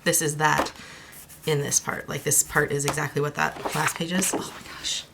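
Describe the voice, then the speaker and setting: A young woman chatting casually in a vlog, gushing and chatty, with soft whispered asides. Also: sits low, flat delivery, moderate pace, creaky, very noisy. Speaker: crafting vlogger.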